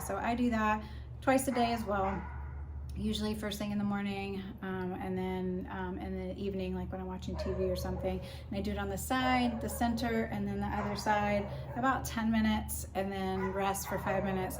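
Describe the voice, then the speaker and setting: A woman vlogger chatting casually and informally as she explains practical tips. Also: medium pitch. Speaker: vlogger giving a personal recovery update. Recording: clear background noise.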